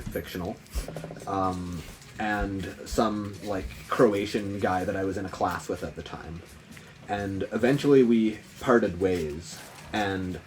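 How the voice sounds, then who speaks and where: A young man speaking in a measured, thoughtful way in a casual chat. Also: on the low side, slight background noise, low-quality recording. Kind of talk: casual group chat about dreams.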